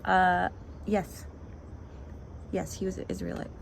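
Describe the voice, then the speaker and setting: A woman's voice: fairly low pitch, little pitch movement, slow pace, creaky, a little hiss or hum. A young adult woman hosting a casual Bible chat, chatty, often laughing, and acting out the people she quotes. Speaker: devotional host.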